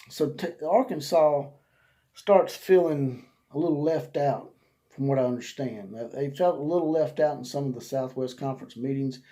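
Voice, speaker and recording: A mellow, mid-range male voice belongs to a man running his own sports channel. He delivers a casual, folksy rant like a preacher, lengthening words for emphasis.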